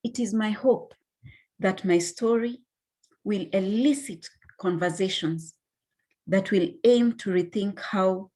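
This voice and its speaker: A woman from Kenya with a Kenyan accent, reading a personal narrative as a conference panelist in a measured, deliberate way. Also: medium pitch, dark tone.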